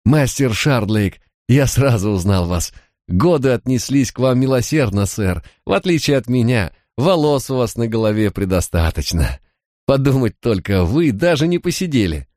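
A man voicing an excitable, effusive middle-aged court clerk in an audiobook. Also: mid-range voice, normal speed, no room sound, clean studio sound, pitched above the performer's own voice, natural voice. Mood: delighted. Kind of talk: audiobook character voice.

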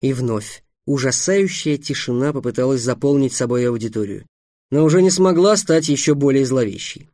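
A man narrating an audiobook in a measured, dramatic way, dropping low and soft for ominous moments. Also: animated, no room sound, clean studio sound. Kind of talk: scripted narration.

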